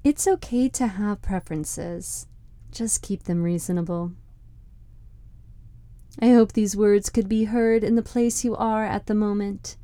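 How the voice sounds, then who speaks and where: A woman podcast host reading a scripted reflective monologue in a measured, deliberate, contemplative way. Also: mid-range voice, dark tone, no echo. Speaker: podcast host and meditation guide.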